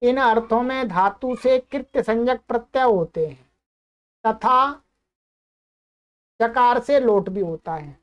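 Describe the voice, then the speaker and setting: A woman giving a grammar lesson, asking and answering her own questions and reciting examples slowly. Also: on the high side, muffled recording. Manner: slow, drawn-out recitation of Sanskrit examples. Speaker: Sanskrit grammar teacher. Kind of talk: explanatory lesson.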